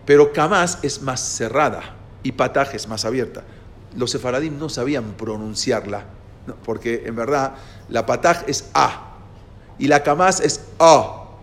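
A man's voice: medium pitch, moderate pace, slight background noise. A man teaching a lesson, explaining step by step and checking with his listeners as he goes. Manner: explanatory, asks the listeners "¿no?" and "¿sí?" often, with hesitations. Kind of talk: lecture to a class.

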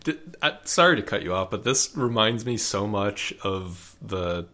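A man's voice: fairly low pitch, lively intonation, a little slow, bright, forceful tone. A man co-hosting a casual chat, chiming in with jokes and video game references. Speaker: podcast co-host.

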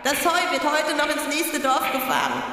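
A frightened old woman croaks out her warnings in a high, bright voice, as a woman reader puts her on. She wails and urges in a children's audio story. The voice rings in a long, echoing reverb, set back from the mic. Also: very animated, moderate pace, exaggerated voice. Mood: urgent. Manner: wailing, urgent. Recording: echoey, reverberant, from a distance.

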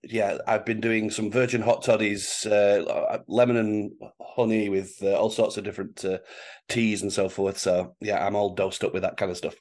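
A man's voice: lowish voice, level tone, normal speed, a little mellow. A man co-hosting a casual football podcast, wheezy and congested from flu, speaking hesitantly with frequent stammered restarts. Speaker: podcast co-host.

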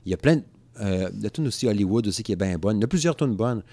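A man's voice: lowish voice, animated, fast talker, dark tone, no echo. A man in his thirties with a Quebec French accent, rambling casually about music on a podcast and laughing often. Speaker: podcast co-host.

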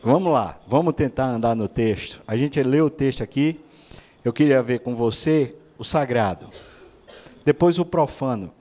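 A man's voice: medium pitch, moderate pace, dark tone. A man preaching a sermon, asking rhetorical questions and acting out other people's voices.

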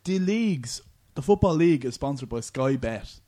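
A man's voice: medium pitch, expressive, normal speed, warm tone. An Irish man hosting a podcast, chatting about sport in an informal, bantering way. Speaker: podcast host. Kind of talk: casual sports chat.

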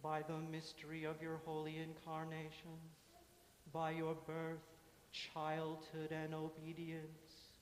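A man leading a litany in a large church, intoning a slow, measured prayer. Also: on the high side, monotone, a little hiss or hum. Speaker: worship leader. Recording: echoey hall, mic from afar.

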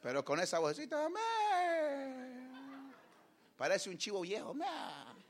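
A man's voice: sits high, big pitch swings, quick pace. A man preaching a fervent sermon full of emphatic rhetorical questions.

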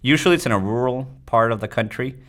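A fast-talking man from Tijuana, Mexico, with a medium-pitched and slightly bright voice, appears as a physician guest in a conversational interview. He explains things at length, often tagging his points with "you know."

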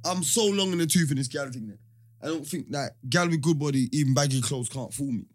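London roadman, slightly high husky voice. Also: fairly quick. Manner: London roadman way of talking, heavy slang. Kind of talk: casual banter and anecdotes in London street slang.

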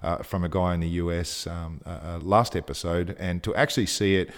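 A man's voice: low-pitched, steady tone, a little fast. A man co-hosting a casual podcast chat, talking with enthusiasm and getting a little breathless as he gushes. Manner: enthusiastic, gushing, breathless at times. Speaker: co-host.

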